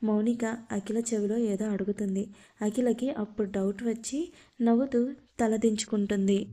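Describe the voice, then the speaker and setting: A woman narrating a love story, reading in a steady, flat way. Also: mid-range voice, moderate pace.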